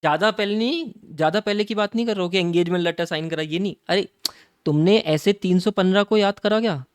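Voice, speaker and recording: A man teaching auditing in an exam-prep lecture. He asks his own questions and answers them, and draws key terms out slowly. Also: high-pitched, smooth, dry recording, studio quality. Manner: calls students "beta" and "bhai", coaxing and playful.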